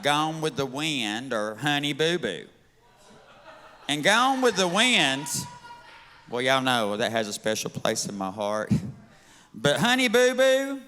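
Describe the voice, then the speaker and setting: Southern-accented male comic, brassy bright tone, smooth voice, bawdy live club delivery, echoey bar room. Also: fairly high pitch. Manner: brash, bawdy, drawling. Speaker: stand-up comedian. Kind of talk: live stand-up set. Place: bar stage at a live event.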